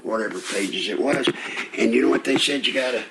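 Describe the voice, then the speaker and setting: A man's voice: mid-range voice, normal speed, creaky, background noise. An older man hosting a live talk radio show, out of breath, rambling folksy and indignant with rhetorical questions. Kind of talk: live call-in radio commentary.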